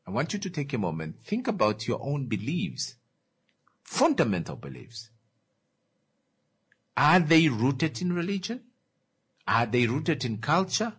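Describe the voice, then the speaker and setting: A man leading a reflective talk, asking the listener slow, repeated questions about their beliefs. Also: medium pitch, very animated, slightly rough. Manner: repeats questions, slows for emphasis. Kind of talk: reflective talk with musical breaks.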